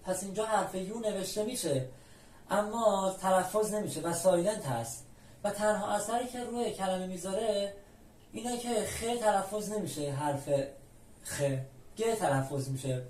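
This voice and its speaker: A language teacher from Iran explains letters patiently and methodically, repeating each example word slowly and clearly. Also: medium pitch, darkish tone, slight background noise. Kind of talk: explaining the Spanish alphabet step by step. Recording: roomy, from a distant mic.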